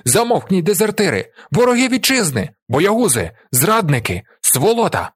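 A man's voice: high voice, sing-song, normal speed, husky, no room sound, studio quality, voice pushed up, exaggerated voice. Man doing a barking pompous drill commander. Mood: furious. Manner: barking orders. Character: stocky pompous youth-squad commander, shouting.

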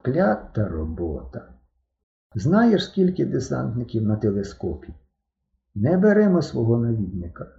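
A man voicing a grumbling alien underling who speaks in a hushed, rustling way. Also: medium pitch, wildly swooping pitch, unhurried, gravelly, full character voice. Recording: dull, roomy recording.

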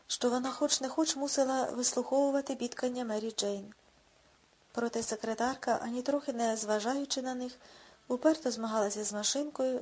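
Husky woman narrator with a slightly high voice, reading at a measured pace for an audiobook. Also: darkish tone.

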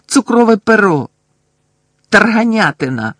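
A man with a husky, gravelly voice reading a story aloud and playing an impatient, frustrated young teenage boy wizard in an agitated, exasperated way. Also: medium pitch, lively intonation, slow pace, dry recording, full character voice. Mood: frantic. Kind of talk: audiobook character voice.

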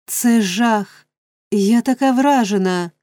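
A woman's voice: mid-range voice, lively intonation, slow pace, dark tone, no echo, clean studio sound. A woman voicing a melodramatic middle-aged workhouse matron who talks breathlessly and moans. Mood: distressed. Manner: breathless, moaning.

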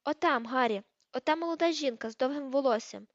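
A woman's voice: high-pitched, fairly quick, no echo. A woman doing a courtly old male ghost. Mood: eager. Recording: dull lo-fi dry audiobook recording.

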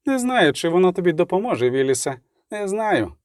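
A man voicing a fierce high-pitched woman warrior. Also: sing-song, brisk, no echo, studio quality. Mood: grim. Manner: shouting battle cries. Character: fierce woman mercenary, defiant to the end.

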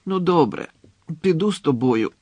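A man's voice: on the high side, expressive, moderate pace, mellow, no echo, voice pushed up. A man voicing a moody, lovesick teenage boy who sighs and pleads in anguish, reading a storybook aloud.

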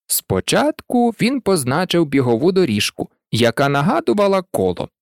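Expressive storybook narrator. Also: mid-range voice, normal speed, no room sound, studio quality. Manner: expressive, swooping delivery. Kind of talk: storybook reading.

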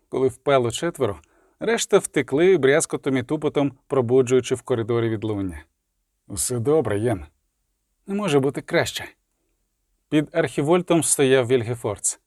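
A man's voice: medium pitch, a little mellow, dry recording, clean studio sound. A man narrating a fantasy audiobook with a vivid, dramatic reading.

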